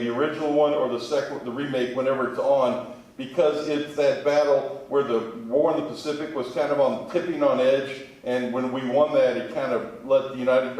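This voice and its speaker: This interview guest, a museum sales manager from Kentucky in the United States, chats conversationally in a medium-pitched, slightly mellow voice. The mic sits far from him, and the room is very echoey.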